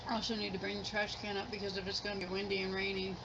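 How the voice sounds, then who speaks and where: A woman's voice: medium pitch, level tone, rapid-fire. A middle-aged woman chatting casually and ramblingly in an eating vlog, sounding unsure of herself. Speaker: mukbang vlogger. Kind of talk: casual chat while eating. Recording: muffled sound with clear background noise.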